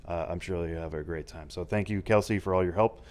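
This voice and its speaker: Deep-voiced man in casual podcast chat. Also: fairly even intonation, fairly quick, background noise. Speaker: podcast host.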